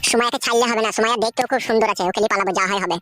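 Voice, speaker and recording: A woman's voice: a little high, steady tone, rapid-fire, fairly bright tone, pitched below the performer's own voice, natural voice. A woman voicing a young village man in a comic cartoon, muttering his boastful plans to run off with a girl. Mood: scheming. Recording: noisy homemade recording.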